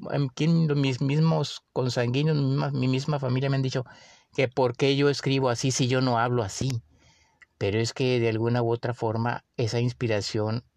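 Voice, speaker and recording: A man with a Mexican accent hosting a podcast, musing in a relaxed way with many pauses and fillers. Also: medium pitch, dry recording. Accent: Mexican Spanish. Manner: unhurried, with frequent fillers and restarts. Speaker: podcast host. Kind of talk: casual reflective monologue.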